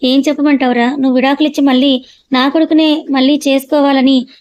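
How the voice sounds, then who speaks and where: A woman's voice: high-pitched, level tone, a little fast, a little mellow, no echo, lightly acted. A woman reading as a wry middle-aged mother.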